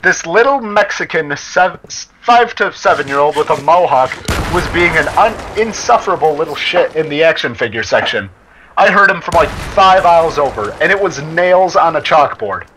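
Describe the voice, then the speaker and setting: A man's voice: a little high, lively intonation, moderate pace, sharp tone. A man casually reading a story aloud to friends, laughing and stumbling over words as he goes. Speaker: story reader. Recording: noisy game chat with gunfire. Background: game gunfire and clicks.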